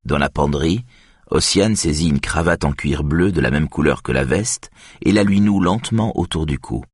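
A man reading an audiobook in measured, even scripted narration. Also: rumbling low, husky, no room sound, clean studio sound.

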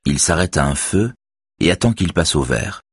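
A male audiobook narrator reads in a calm, steady manner. His voice is very deep with a husky grain, and the recording is close and dry with no room sound. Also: normal speed, no echo. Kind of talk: scripted narration.

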